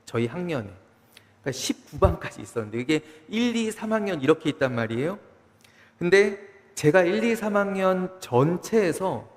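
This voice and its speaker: Lively male pastor preaching in a reverberant hall. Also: a little high. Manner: lively preaching, voices David's complaints to God in pleading tones. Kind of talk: sermon. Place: church sanctuary. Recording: church hall with long reverb.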